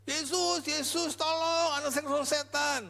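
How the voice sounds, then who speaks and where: A man's voice: steady tone, normal speed, gravelly, pushed and bright, heavily acted. A man voicing a desperate mother who cries out insistently for help for her child. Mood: pleading. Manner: high, insistent, crying out for help. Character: desperate pleading mother, middle-aged woman. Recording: echoey church hall.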